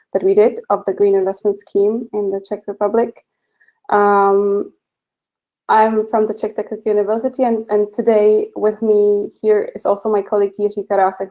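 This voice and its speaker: Woman researcher, webinar talk: even and explanatory, dark tone, muffled online sound. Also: mid-range voice. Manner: measured, explanatory, hesitant. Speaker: webinar presenter, university researcher. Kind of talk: formal webinar presentation. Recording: dull lo-fi webinar audio.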